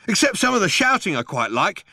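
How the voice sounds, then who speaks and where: A man voicing a huge, slow-witted young alien guard in an audiobook, with a booming, thick-headed delivery. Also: very animated, creaky, sharp tone, dry recording, studio quality, heavily acted. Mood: sluggish, pondering. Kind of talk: audiobook character voice.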